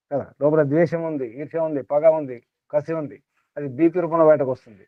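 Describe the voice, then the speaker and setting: A man's voice: a little high, no echo. A man teaching a small group in a spiritual talk, repeating his points and asking rhetorical questions. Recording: tinny phone-like dry sound.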